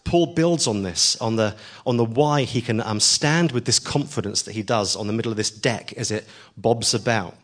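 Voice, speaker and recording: A man's voice: lowish voice, moderate pace, few pauses. Earnest man preaching a sermon. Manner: earnest and emphatic, rising to stress key lines, with frequent ums.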